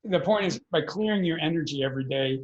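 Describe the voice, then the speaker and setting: Guy on a podcast explaining stuff earnestly, bit high voice, dull lo-fi sound. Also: expressive, fast. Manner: earnest, explanatory, repeats words as he thinks. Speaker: podcast guest, energy work teacher. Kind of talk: conversational interview explanation.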